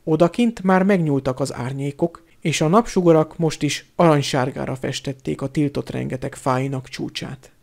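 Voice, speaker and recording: A man narrating an audiobook in a steady storytelling manner. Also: a little high, gravelly, few pauses. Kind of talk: audiobook reading.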